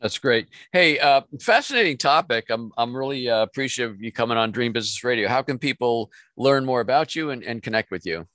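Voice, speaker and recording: A man's voice: medium pitch, expressive, a bit bright, dry recording. A man hosting an interview show, asking rambling, conversational questions that often stop and restart. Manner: halting, rambling questions with self-corrections. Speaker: radio show host, interviewer.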